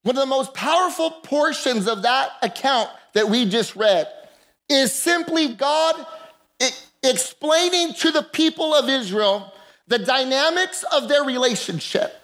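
A woman's voice: high voice, lively intonation, a little slow, a bit bright. A woman pastor preaching a sermon into a pulpit microphone in a church, emphatic and calling for the congregation's responses. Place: church sanctuary.

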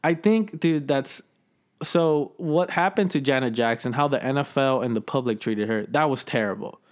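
A man's voice: medium pitch, normal speed. Young man rambling in casual chat. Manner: rambling, indecisive, says bro and dude. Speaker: podcast co-host.

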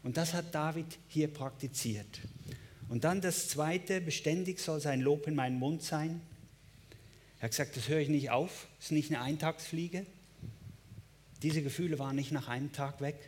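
Emphatic preaching man, fairly high voice. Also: moderate pace, darkish tone, slight background noise. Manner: emphatic preaching with repeated phrases and direct address. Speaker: pastor. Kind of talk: sermon.

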